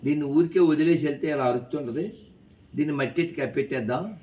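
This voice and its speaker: A man doing a grumbling farmer, lower pitched. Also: fast, mellow, close to an everyday voice. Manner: grumbling, reasoning aloud. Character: panicky farmer deciding to bury his donkey. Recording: distant, dull with faint noise.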